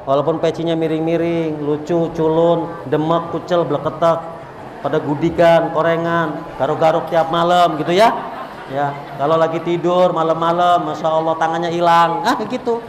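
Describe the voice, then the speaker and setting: A male preacher, preaching a lively sermon and calling out to the crowd. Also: on the high side, normal speed. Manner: animated, repetitive, calls out to the crowd. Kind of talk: religious sermon at a gathering. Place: large hall at a religious event. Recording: echoey hall, faint background noise.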